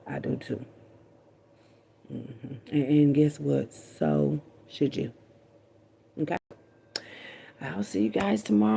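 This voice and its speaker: A woman's voice: low voice, vocal fry, mellow, slightly rough. A woman vlogger talking loosely and profanely to her viewers in a casual late-night chat. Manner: loose, profane, chatty, talks to viewers as y'all.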